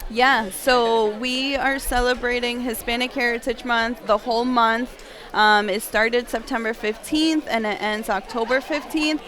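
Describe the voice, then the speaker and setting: An interview guest on school guidance staff, she comes from Massachusetts and chats with casual enthusiasm. Her voice is on the high side, steady and fairly bright, with a measured pace, while crowd chatter bustles behind her.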